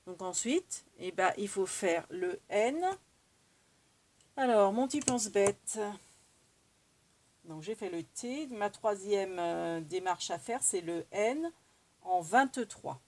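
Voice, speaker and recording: A woman's voice: medium pitch, lively intonation, slow, long pauses, darkish tone. French woman chatting through a craft demo. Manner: chatty, thinks aloud while working, many fillers. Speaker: craft tutorial host. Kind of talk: casual craft demonstration.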